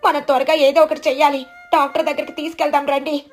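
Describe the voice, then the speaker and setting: Brief: woman playing an anxious young wife, high, loud and urgent, storybook tale. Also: flat delivery, fast, soft background music, natural voice. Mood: alarmed. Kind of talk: storybook narration.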